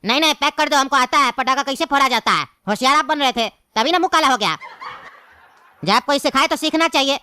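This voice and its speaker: A woman voicing a sharp-tongued male firecracker seller in a cartoon, mocking and scolding. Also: sits high, a little fast. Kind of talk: cartoon voice acting.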